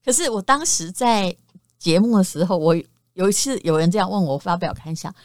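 A middle-aged woman hosting a podcast, talking candidly in casual chat and trailing her sentences with drawn-out particles. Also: medium pitch, animated, no room sound, clean studio sound. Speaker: podcast host.

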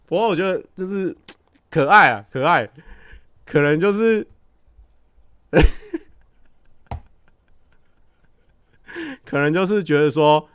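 Speaking extremely slowly and pausing often, a man with a smooth, slightly high voice hosts a livestream and chats casually with viewers. He tells stories with animation, acting out scenes and laughing frequently, with no room sound.

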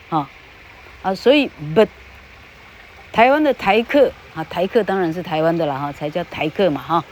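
Woman, chatty podcast teacher, drawn-out example words, faint hiss behind. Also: mid-range voice, darkish tone, rough recording. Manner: chatty, tags sentences with "哈", drawls example words. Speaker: English pronunciation teacher. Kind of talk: casual podcast lesson. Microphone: podcast microphone.

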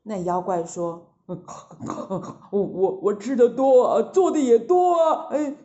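A woman's voice: mid-range voice, sing-song, takes it slowly, dark tone. A woman voicing a clumsy, good-natured pig demon who stammers and chuckles as he brags. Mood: bragging. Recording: echoey, dull lo-fi recording.

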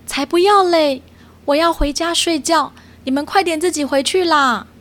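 A woman's voice: high voice, moderate pace, fairly bright tone, voice pushed up. A woman voicing a cheeky, grumpy little sea otter who talks in a whiny, impatient way in a children's storybook. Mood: grumbling.

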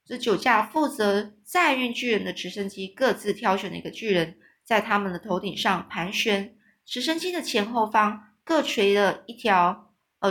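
A woman reads a children's storybook aloud at an easy, unhurried pace. She often stops to explain difficult words in simple language, with small restarts along the way. Her voice sits at an ordinary pitch for a woman. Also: a bit bright. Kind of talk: reading a children's book aloud.

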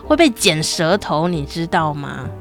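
A woman's voice: sits low, big pitch swings, measured pace, soft background music, full character voice. A woman voicing a preachy middle-aged woman who sternly warns a child that lying is a sin. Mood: scolding. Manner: moralizing, stern.

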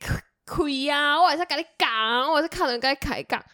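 A man's voice: extremely high pitch, normal speed, bright, forceful tone, dry recording, clean studio sound, voice pushed up. A woman voicing an insistent, chatty old man on a bicycle who keeps coaxing a stranger to be friends. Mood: pushy, coaxing. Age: older.

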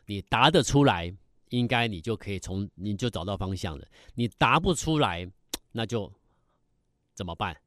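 A man's voice: fairly low pitch, expressive, moderate pace, a bit bright, no echo. A middle-aged man giving broadcast stock market commentary, emphatic and full of rhetorical questions.

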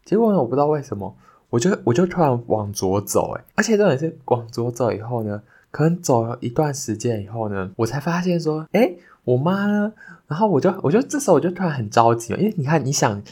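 A young man hosting a podcast, telling a childhood story in a casual, animated way that turns sincere when he gives thanks. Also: fast talker, breathy edge. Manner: animated, jumps higher when retelling the scary parts. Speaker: podcast host.

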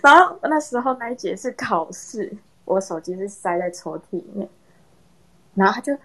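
A young woman casually telling a personal story in a chat with friends, animated and laughing often. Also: medium pitch, breathy edge. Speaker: storyteller in a horror story contest.

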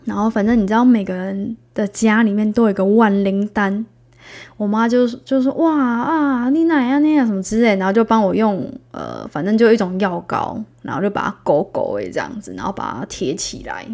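A woman's voice: medium pitch, animated, brisk, a little mellow. A young woman with a Taiwanese Mandarin accent tells a personal story to her audience. She talks in a chatty, casual way, laughs along as she goes, and acts out the voices of the people she quotes.

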